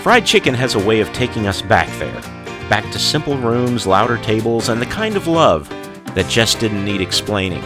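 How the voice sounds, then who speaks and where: A man's voice: lowish voice, big pitch swings, normal speed. A man hosting a show, reciting scripted cowboy poetry and stories in a folksy, rustic way with dropped g's. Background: guitar music.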